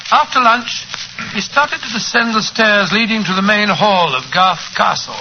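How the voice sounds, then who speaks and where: An actor playing a bumbling, genteel older doctor and loyal sidekick, fussy and slightly flustered, in a 1940s radio drama. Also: male voice, high voice, moderate pace. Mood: earnest. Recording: muffled, noisy 1940s radio recording.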